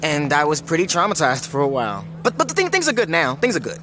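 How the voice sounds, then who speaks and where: An actor voicing an awkward young man in an animated series, telling a story in a hesitant, rambling way, with a musical score behind him. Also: fairly high pitch, fast talker, a little hiss or hum. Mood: nervous. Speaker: young man recalling a bad high school night. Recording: clip with score playing behind.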